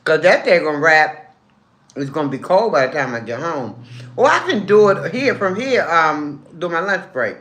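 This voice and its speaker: Eating lunch during a casual livestream, a woman chats with her viewers, calling them baby and honey and humming as she chews. Her low voice has lively intonation and a fairly bright tone at normal speed, and the room is reverberant.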